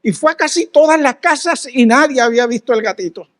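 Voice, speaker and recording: A man preaching a sermon, telling a story in an animated way, with pauses and repeated words. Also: extremely high pitch. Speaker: guest preacher.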